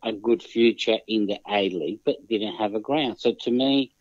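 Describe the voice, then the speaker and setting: An Australian man speaking as a phone-in guest, measured and formal, with halting, deliberate phrasing. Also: fairly low pitch, dry recording. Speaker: phone-in guest on a football show. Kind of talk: measured discussion. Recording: muffled lo-fi phone line, very dry.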